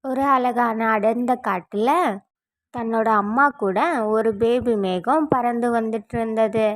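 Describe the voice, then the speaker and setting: A woman narrating a children's cartoon story in a steady storytelling way. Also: a little high, a little slow.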